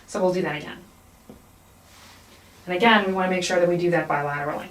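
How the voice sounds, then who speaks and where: A woman instructor explains a hands-on clinical demonstration, repeating the key points. She talks fast in a lowish voice, and the recording has a little hiss or hum, an echoey room, and a somewhat distant mic.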